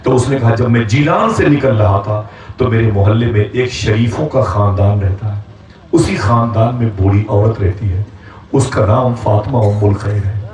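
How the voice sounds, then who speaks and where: Male preacher, dramatic storyteller voicing characters, heavy hall echo, distant from the mic. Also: a little mellow. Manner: dramatic storytelling, rising to impassioned pitch when voicing characters. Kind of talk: sermon storytelling. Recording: echoey hall, speaker far from mic.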